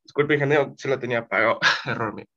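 A man's voice: mid-range voice, bright, forceful tone. Young man presenting over dull call audio. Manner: polite, a bit halting. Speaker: student presenter. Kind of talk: class presentation.

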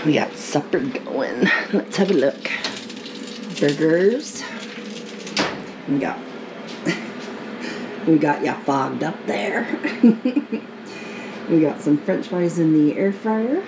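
A woman's voice: low-pitched, expressive, extremely slow, long pauses. A woman hosting a casual home vlog, chatting to the camera in her kitchen and laughing often. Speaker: vlog host, military wife. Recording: noisy home recording.

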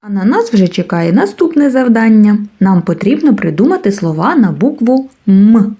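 A woman kindergarten teacher gives a preschool literacy lesson in a lively, sing-song pitch. She speaks slowly and deliberately, enunciating carefully and drawing out her words.

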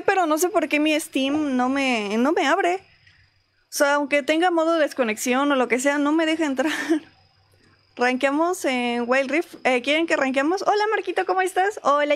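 A woman with a Mexican accent streaming a game from home, chatting casually and greeting viewers by name. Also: high-pitched. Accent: Mexican Spanish. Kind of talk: casual live-stream chat.

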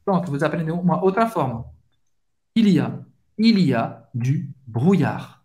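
A man gives a language lesson in an unhurried way, letting each phrase land before he repeats it. His voice sits a little high for a man. He talks like a patient teacher running pronunciation drills. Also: expressive, darkish tone. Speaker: French teacher.

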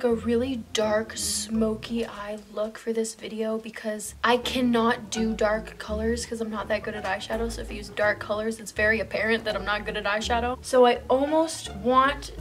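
High-pitched young woman, giggly drunk rambling. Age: 20s. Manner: blunt, playful, swears freely. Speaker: makeup vlogger. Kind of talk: casual chat to camera while applying makeup. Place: indoors, small room in front of a fabric backdrop.

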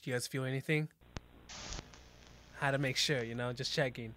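In a very noisy recording, a young adult man with a medium-pitched voice speaks at normal speed while reacting to a horror video. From his small bedroom setup, talking into a headset with a desk mic, he keeps the casual commentary jokey and animated, yelping and laughing at the scares.

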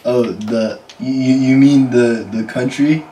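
A man's voice: medium pitch, steady tone, takes it slowly, crowd noise. A young American man bantering casually with a friend, teasing and playing dumb. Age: young adult. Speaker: contestant in a pronunciation challenge. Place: small bedroom. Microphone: camera a few feet away. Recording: roomy, distant mic with clear background noise.

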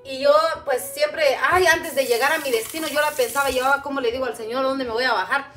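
A high-pitched woman from Guatemala, first language Chuj, chatting warmly with viewers as she hosts a cooking livestream. She talks into a camera set a little way off. The sound is roomy and echoey, with faint music behind her. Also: fairly even intonation, brisk. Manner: warm, chatty, calls viewers "mamita". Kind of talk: casual livestream chat reading viewer comments. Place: home kitchen, indoors. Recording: echoey kitchen, distant mic.

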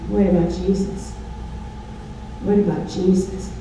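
Slow, dark-voiced older woman preaching in an echoey hall. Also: medium pitch, flat delivery, slight background noise. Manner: call-and-response questions, emphatic. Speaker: Bible study teacher. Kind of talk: preaching Bible study sermon. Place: large dark stage at a lectern. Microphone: handheld mic. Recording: echoey hall, from far off, faint ambience.

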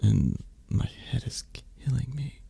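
In an ASMR romance roleplay, a man plays a sick, grumbling, needy mafia boss, his voice soft, breathy and raspy, halting and plaintive. The performance is heavily acted at medium pitch with big swings, carrying a weary, pleading mood.

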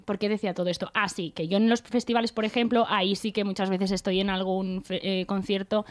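A woman's voice: medium pitch, fairly even intonation, a little fast. A young woman co-hosting a podcast in a radio studio, chatting casually with playful, teasing banter. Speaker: podcast co-host. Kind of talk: casual chat.

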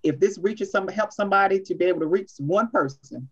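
A woman leading an online church workshop, talking fast and animated. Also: mid-range voice. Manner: fast, animated, says she talks too fast. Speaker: workshop presenter. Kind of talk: online workshop, casual talk. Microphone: video call. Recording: lo-fi video call audio.

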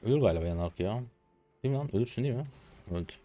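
A hoarse man in his twenties giving slangy live commentary to viewers while he plays a game. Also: on the low side, animated, mellow, faint music behind. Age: 20s. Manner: rapid slangy chatter to viewers. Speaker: gaming streamer.

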